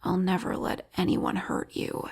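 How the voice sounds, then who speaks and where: A woman in an intimate audio roleplay portrays an obsessive female vigilante killer who is lovesick, using a natural voice with a darkish tone. She whispers gravelly and slowly in a taunting way, the mood tender and possessive.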